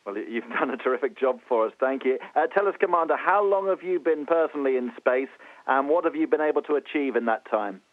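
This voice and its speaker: A man interviewing as a radio presenter, asking polite, measured questions over a narrow radio link. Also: medium pitch, expressive, no room sound. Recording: tinny phone-like link, dry.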